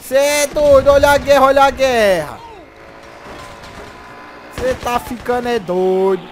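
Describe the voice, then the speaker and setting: High-voiced excited gamer man. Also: measured pace, a little hiss or hum. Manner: excited, repeats every phrase twice, slangy. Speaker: gameplay commentator. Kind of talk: casual gameplay commentary.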